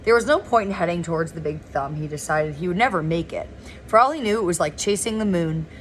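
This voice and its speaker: A woman reading a novel aloud in a relaxed, informal way, now and then stumbling over words and correcting herself. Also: lowish voice, fast, slight background noise. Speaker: reader of a novel. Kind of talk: informal read-aloud narration.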